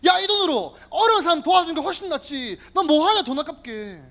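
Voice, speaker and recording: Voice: very high voice, very animated, normal speed, creaky, a bit bright, pitched above the performer's own voice, heavily acted. A youth preacher acting out a greedy, grumbling male disciple inside a sermon, with coarse exclamations over wasted money. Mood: indignant.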